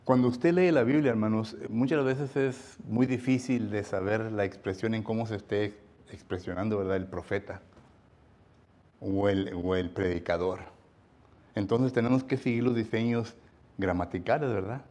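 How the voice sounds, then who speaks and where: Mexican-accented preacher, conversational sermon. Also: male voice, lowish voice, fairly even intonation, moderate pace. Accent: Mexican Spanish. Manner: reads scripture with loud stressed emphasis; conversational, frequent tag questions.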